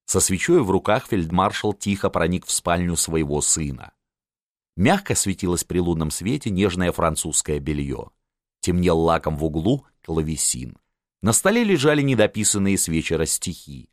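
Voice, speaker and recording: A man reading a historical novel aloud as an audiobook narrator, in an expressive, theatrical way. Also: sits low, moderate pace, no echo, clean studio sound.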